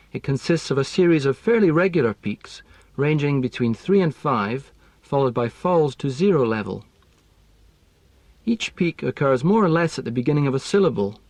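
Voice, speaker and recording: Man explaining pronunciation stuff slowly and precisely, dry close recording. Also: on the high side, darkish tone, no room sound. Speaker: language teaching expert. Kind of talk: scripted explanatory lesson.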